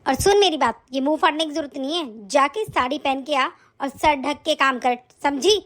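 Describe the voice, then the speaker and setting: An older mother-in-law in a cartoon family drama whines and scolds in a very high, squeaky voice, as a woman voices her. She snaps out orders and sulks with hurt pride. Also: lively intonation, moderate pace, a bit bright. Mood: stern. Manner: whiny, scolding. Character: older mother-in-law, tearful then stern. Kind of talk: animated story voice acting.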